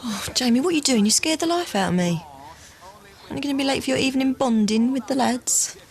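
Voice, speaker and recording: A woman's voice: high-pitched, fast talker. An actress playing an affectionate partner who teases her man. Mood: teasing. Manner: teasing, affectionate. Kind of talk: TV drama acting.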